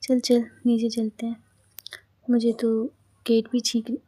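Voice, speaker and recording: Sassy young friend in an audio story, read by a woman, slightly high, flat delivery. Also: slow, dry recording. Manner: sassy, mock-scolding.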